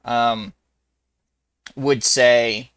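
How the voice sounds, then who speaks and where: A man's voice: mid-range voice, fairly even intonation, extremely slow, fairly bright tone, clear, resonant tone, no room sound. A man playing a tabletop game, thoughtfully describing what his character does. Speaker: player. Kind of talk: casual tabletop game chat.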